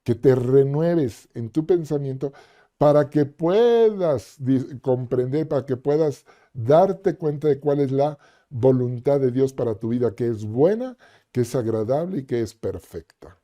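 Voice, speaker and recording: Male preacher, dark warm tone, conversational sermon delivery. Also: mid-range voice, expressive, measured pace. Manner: conversational, acts out quoted voices, frequent "ujú" fillers.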